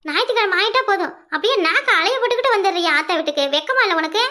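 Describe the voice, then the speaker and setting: A shrill, scheming old mother-in-law from a village cartoon, played by a woman. She scolds in a Kanyakumari Tamil accent, very high-pitched, quick and bright. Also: lively intonation, exaggerated voice. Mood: scolding.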